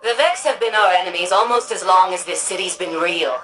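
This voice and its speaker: An actress plays an older woman who administers a futuristic city in a sci-fi video game, delivering scripted mission briefing dialogue like an official giving orders. Her fairly low, slightly bright voice is crisp, authoritative and drily witty, a little fast, lightly acted, urgent and businesslike. Music plays behind her, and the audio quality is poor.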